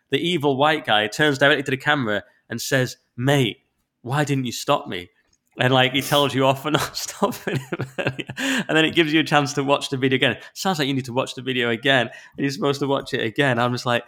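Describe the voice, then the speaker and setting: A man co-hosting a podcast, chatting in a quick, mocking, sarcastic way. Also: medium pitch, pushed and bright. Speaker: podcast co-host. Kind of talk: casual political chat.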